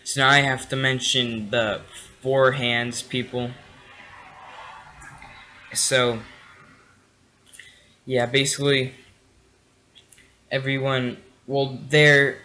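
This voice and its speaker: A man's voice: mid-range voice, level tone, slow pace, long pauses, sharp tone, poor audio. A tired young man casually reviewing a TV episode late at night, rambling with many fillers and restarts. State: tired, yawning.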